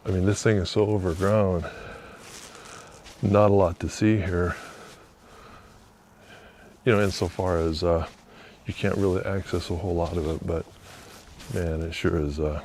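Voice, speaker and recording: A man vlogging as he walks outdoors beside a river under an old bridge, musing quietly and thinking aloud with fillers. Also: low voice, steady tone, a little slow, long pauses, a little hiss or hum. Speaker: vlogger exploring historic sites. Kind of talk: casual walking narration.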